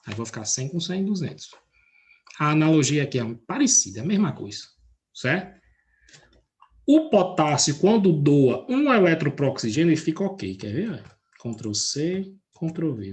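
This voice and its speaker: A man's voice: a little high, a little mellow. A man teaching a chemistry class, using everyday analogies and regularly asking named students questions. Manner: checks in with students by name and asks frequent questions. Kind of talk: live class explanation.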